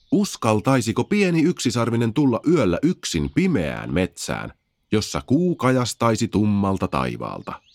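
A man reading a children's fairy tale aloud, expressive and gentle. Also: fairly low pitch, dry recording. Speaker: storyteller. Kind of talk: children's audiobook narration.

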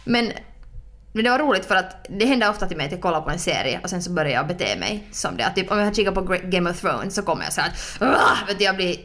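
A young woman co-hosting a podcast in casual, playful chat, full of fillers and quick asides. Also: lowish voice, sing-song, fairly bright tone. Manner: chatty, filler-heavy, playful. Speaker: podcast co-host.

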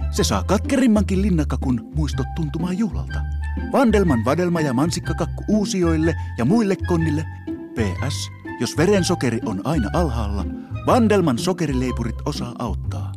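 Man voicing a sing-song bakery ad announcer, grand, animated pitch, music behind. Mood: grandiose.

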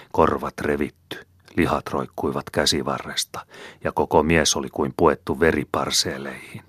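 A man reading folk tales aloud as an audiobook narrator, measured and steady. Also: a bass voice, no echo, studio quality. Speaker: audiobook reader.

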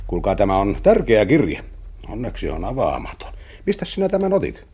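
A man playing a kindly, easygoing middle-aged father in a radio play, with a husky voice and a fatherly manner. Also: fairly low pitch, huge pitch swings, mellow, exaggerated voice.

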